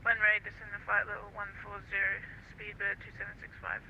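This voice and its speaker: Guy playing a pilot reading back over the radio, sharp bright voice, flat clipped delivery, dull tinny radio sound. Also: sits high, fast, vocal fry, a little hiss or hum, full character voice. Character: airline pilot reading back to air traffic control. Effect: radio transmission.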